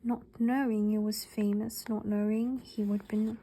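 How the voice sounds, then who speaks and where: A woman reading a story aloud in a put-on British accent, with Korean as her first language, in a soft, half-whispered ASMR style. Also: medium pitch, level tone, measured pace, a little hiss or hum, low-quality recording. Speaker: ASMR reader.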